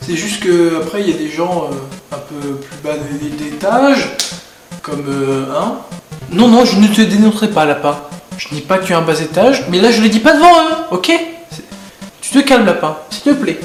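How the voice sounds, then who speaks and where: Young male vlogger, high-pitched, rambling and goofy, echoey room with faint music. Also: lively intonation, moderate pace. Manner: goofy, rambling, jumping from topic to topic; bursts loud at times. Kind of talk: rambling comedic vlog.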